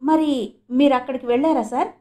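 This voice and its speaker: Woman reading as a brisk male police inspector. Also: sits high, steady tone, dark tone, echoey room, close to an everyday voice. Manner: questioning, brisk.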